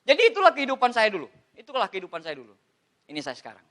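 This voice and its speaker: Man, middle-aged, high pitch, bright and forceful tone, motivational seminar speaker, animated, joking. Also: rapid-fire, slight background noise. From Indonesia. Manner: animated, showing photos, joking with the audience. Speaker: network marketing motivational speaker.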